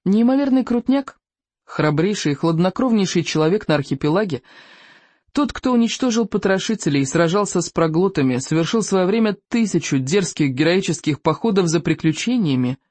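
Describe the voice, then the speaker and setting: Lively storybook narrator, very expressive pitch, dry studio sound. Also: fairly quick, no echo. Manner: animated, theatrical reading. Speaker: audiobook narrator.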